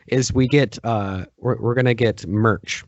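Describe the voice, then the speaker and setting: A man's voice: mid-range voice, takes it slowly, lo-fi sound. A man co-hosting a podcast, rambling and joking in casual chat on a new microphone. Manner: rambling, jokey, restarts often. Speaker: podcast co-host.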